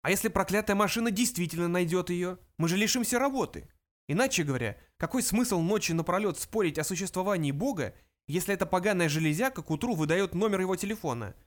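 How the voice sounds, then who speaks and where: A man's voice: high voice, expressive, fast, voice pushed up. Majikthise, a man doing a pompous, irritable older philosopher.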